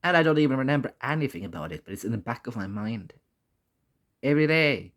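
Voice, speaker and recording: A man talking casually and candidly in a personal vlog, halting often and swearing mildly. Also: medium pitch, expressive, a bit bright. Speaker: vlogger.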